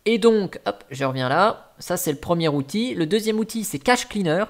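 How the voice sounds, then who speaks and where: A man's voice: high-pitched, expressive, moderate pace. A man hosts a casual tech tutorial, narrating what appears on a phone screen. His delivery is chatty and loose, full of fillers and small restarts as he points things out. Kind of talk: casual screen-recording walkthrough.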